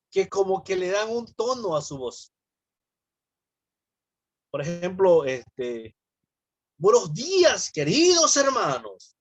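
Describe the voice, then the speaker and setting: High-voiced pastor teaching a speech class. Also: male voice, no echo. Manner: explains, then acts out sample greetings. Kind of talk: church class lecture with questions.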